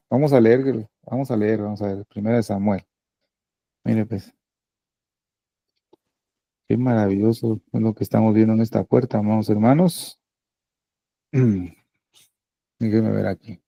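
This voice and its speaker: A male pastor preaching a sermon in a conversational way, often checking in with the congregation through quick tag questions. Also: lowish voice, steady tone, gravelly, mellow, no room sound.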